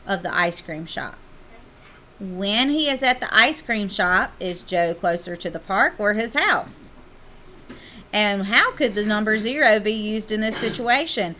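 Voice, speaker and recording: A woman's voice: medium pitch, sharp tone, slight background noise. A woman teacher, leading a classroom math lesson and playfully teasing her students.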